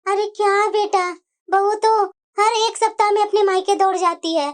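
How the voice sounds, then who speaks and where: A woman's voice: very high voice, steady tone, moderate pace, pitched below the performer's own voice. A woman voicing an elderly mother in a cartoon, complaining in a plaintive, whiny way. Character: elderly mother, complaining about her daughter-in-law. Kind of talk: cartoon voice acting.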